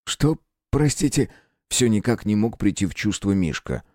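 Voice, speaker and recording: A man narrating an audiobook story in a measured storytelling manner. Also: on the low side, animated, darkish tone, no echo, studio quality. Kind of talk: scripted narration.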